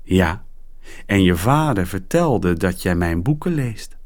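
A man reading a children's story aloud, voicing a mysterious, friendly woman horror writer who talks slowly and in a hushed, secretive way. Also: deep voice, expressive.

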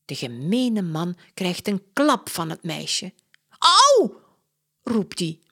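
Very slow, clear woman narrator. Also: lowish voice, expressive. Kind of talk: slow storybook reading for learners.

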